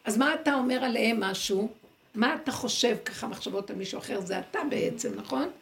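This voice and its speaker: A woman giving a Torah lesson to a group, lively and full of rhetorical questions, acting out inner dialogue as she explains. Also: fairly high pitch, creaky. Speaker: Torah teacher.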